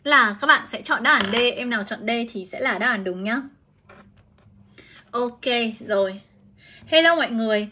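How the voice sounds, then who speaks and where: Bright-voiced woman teaching a live lesson. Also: fairly high pitch, expressive, normal speed, pauses often, a little hiss or hum. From Vietnam. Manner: chatty, explains step by step, calls out students. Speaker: English teacher. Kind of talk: live-streamed exam prep lesson.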